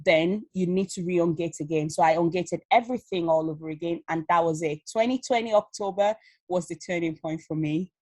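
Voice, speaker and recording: An Amazon seller from Leeds, in her thirties, appears as a guest telling her story in an easygoing video-call interview. Her fairly low voice runs a little fast on a dry recording, with a Yorkshire accent mixed with Nigerian. She is animated, laughs frequently, and leans on many fillers.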